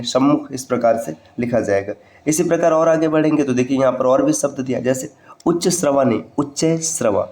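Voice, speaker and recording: A male teacher walks through correct spellings one word at a time, repeating each form patiently. His voice sits at an ordinary middle pitch. The room around him rings with a noticeable echo. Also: darkish tone. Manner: addresses students directly to remember points. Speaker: Hindi teacher. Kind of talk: exam-prep spelling lesson.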